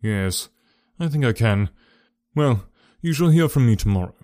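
A composed male detective, voiced by a man reading the story, smooth and quietly commanding. His voice sits at a middle pitch. The sound is dry and close. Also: lively intonation, measured pace, no room sound, close to an everyday voice. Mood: calm. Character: calm, sharp-minded male detective.

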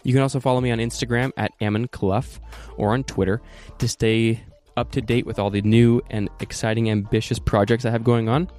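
A man hosting a podcast, talking in a relaxed, laid-back way during a casual interview. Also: medium pitch, a little fast, hardly any pauses, soft background music. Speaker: podcast host.

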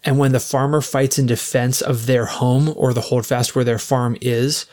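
A man's voice: medium pitch, moderate pace. Easygoing man explaining game rules. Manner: relaxed, explains rules with many fillers. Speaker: game master. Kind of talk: casual game prep chat.

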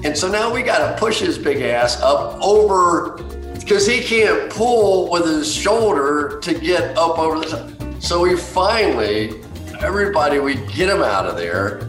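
A man telling anecdotes in an interview, animated and acting out what others said. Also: fairly high pitch, a little slow, reverberant, faint music behind. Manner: animated, acts out others' lines. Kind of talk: anecdotal storytelling.

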